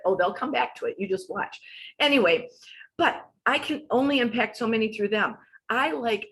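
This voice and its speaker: A woman's voice: medium pitch, fairly bright tone, poor audio. A woman in her sixties, a wellness coach giving a casual, chatty talk over slides that wanders off on tangents and back. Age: 60s.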